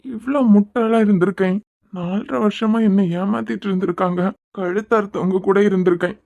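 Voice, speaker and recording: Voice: mid-range voice, steady tone, a little fast, vocal fry, dark tone, dull audio, close to an everyday voice. A performer voicing a young father in a cartoon, soothing and brushing off his injury, with a Kanyakumari Tamil accent. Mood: soothing, hurt. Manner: soothing, dismissive of his pain. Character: young father, gentle and stubborn. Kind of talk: cartoon voice acting.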